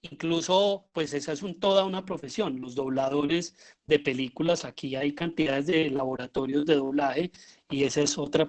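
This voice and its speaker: A middle-aged man with a Colombian accent and a slightly high voice gives an informal lecture; he is a lecturer and radio drama director. He often pauses and repeats himself while hunting for the right words.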